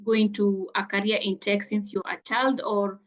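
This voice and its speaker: A woman's voice: mid-range voice, little pitch movement, moderate pace. A woman hosting an online interview with a graduate, upbeat and full of praise. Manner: upbeat, effusive praise with frequent "amazing". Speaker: host.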